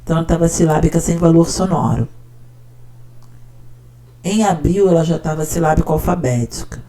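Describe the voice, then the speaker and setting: Mellow-voiced woman teacher. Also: sits low, moderate pace. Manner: conversational, checks in with listener often. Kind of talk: casual explanatory talk.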